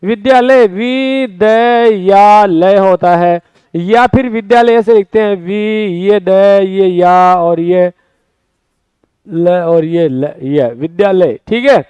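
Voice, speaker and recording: A man teaching a spoken exam-prep Hindi lesson, lively, stretching words out and calling his students friends, with a Rajasthani Hindi accent. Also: high-pitched, takes it slowly, clear, resonant tone, no room sound, poor audio. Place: classroom or studio.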